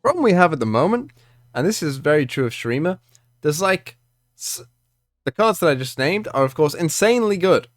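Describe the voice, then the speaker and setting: A man in an exasperated, off-the-cuff rant, swinging from measured points to incredulous emphasis. His fairly high voice moves widely up and down, recorded very dry with music faintly behind it. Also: big pitch swings, no echo. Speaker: video creator ranting about card game balance. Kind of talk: unscripted rant commentary.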